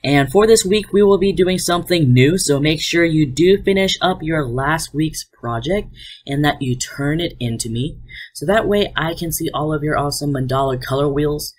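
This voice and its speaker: A man's voice: fairly high pitch, moderate pace. A man teaching an online art class, explaining slides to his students in an upbeat way. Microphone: voice-over on slides.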